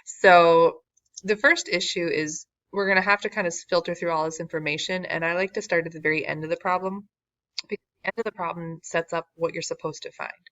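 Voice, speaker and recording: A woman's voice: on the low side, fairly even intonation, brisk, fairly bright tone. A woman math teacher walking through a word problem in a recorded lesson, casual and wry, losing her voice. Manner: casual, self-deprecating, wry asides. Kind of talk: recorded classroom lesson walkthrough. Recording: dull lo-fi recording, dry.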